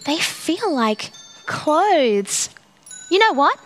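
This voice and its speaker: A woman presenting a children's TV show, bubbly and sing-song, talking slowly to young children. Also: sits high, sing-song, faint music behind.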